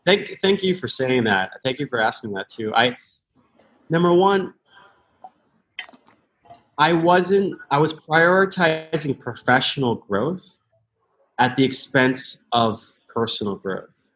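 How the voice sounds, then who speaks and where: A man's voice: medium pitch, slow, long pauses, fairly bright tone. An American man in his thirties, a podcast guest, talking earnestly and thoughtfully, often restarting his sentences. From United States. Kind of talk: reflective interview talk.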